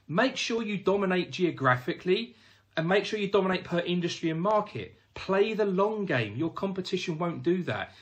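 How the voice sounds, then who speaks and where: Lively, emphatic male finance trainer. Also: fairly high pitch. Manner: emphatic, addresses viewers as "guys". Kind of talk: direct-to-camera instructional talk.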